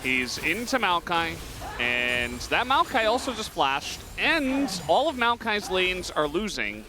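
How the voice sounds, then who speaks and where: A young man giving live esports color commentary, animated and quick to laugh at the banter. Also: high-pitched. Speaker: esports caster.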